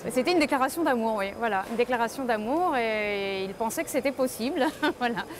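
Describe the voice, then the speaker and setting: A woman's voice: on the high side, expressive, fairly quick, crowd noise. A woman working at an information desk, telling anecdotes casually in an interview. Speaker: airport information desk hostess. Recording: noisy public hall ambience.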